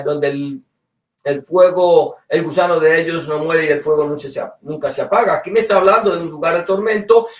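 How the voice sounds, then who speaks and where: A man with a high voice preaches a sermon, heard from a distance in a roomy, echoing space on a dull-sounding recording. He stumbles and repeats words, swinging between loud emphasis and quiet asides.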